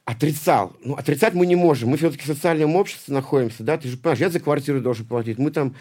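Racing along at a fairly high pitch with a darkish tone, this punk poet and musician from St Petersburg, Russia, in his late forties, chats casually as an interview guest. His talk wanders, is thick with profanity, and is full of false starts and repeated words.

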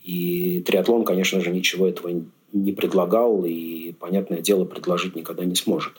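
A husky, slightly mellow man in his forties speaks low and brisk with a flat delivery. He's an amateur triathlete appearing as a podcast guest, rambling reflectively through his racing life with lots of fillers in a casual interview chat.

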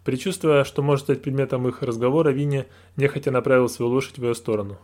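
A man narrating a novel aloud in a calm, measured reading voice. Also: medium pitch. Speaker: audiobook narrator. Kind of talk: scripted narration.

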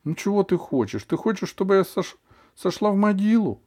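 A man's voice: sits high, animated, a little fast, a little mellow, voice pushed up. A man voicing an exasperated mother who pleads with her stubborn son and then threatens him. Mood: pleading.

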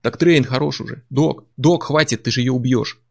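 A man reading aloud, voicing a rough, mocking male barbarian comrade with a gruff, jeering manner. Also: medium pitch, moderate pace. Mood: urging.

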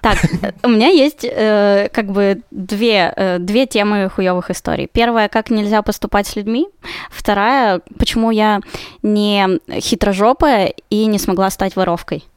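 A woman's voice: mid-range voice, measured pace, smooth, no room sound, clean studio sound. A woman chatting casually as a podcast guest, with a wry, joking manner. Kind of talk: casual chat.

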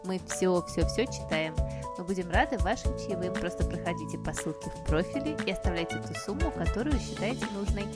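A woman's voice: fairly low pitch, lively intonation, fairly quick. Woman co-host over background music. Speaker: podcast co-host. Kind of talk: casual chat and show outro. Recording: music playing under the voice.

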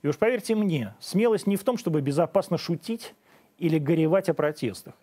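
Man in his forties, talk show host, sarcastic and pointed, slightly high voice. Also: lively intonation, fairly quick, warm tone. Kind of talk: opinion monologue and interview.

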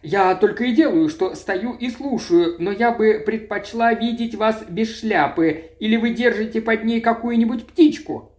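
A man voicing a sharp-tongued old woman who scolds the police sarcastically. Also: high-pitched, normal speed, echoey room, voice pushed up, close to an everyday voice. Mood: sarcastic. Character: sharp-tongued sardonic old mother-in-law.

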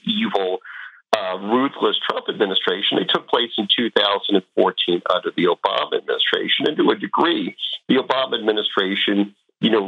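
A man giving halting, explanatory commentary as an expert guest in a radio interview. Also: on the low side, creaky. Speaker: guest expert on immigration law. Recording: muffled, narrow radio audio.

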